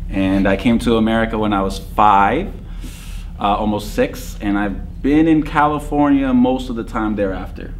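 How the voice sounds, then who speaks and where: A man's voice: fairly low pitch, moderate pace, a little hiss or hum. Joking Lebanese-born man telling stories. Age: 30s. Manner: jokey, storytelling, laughs often. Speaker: podcast guest. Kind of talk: casual interview chat.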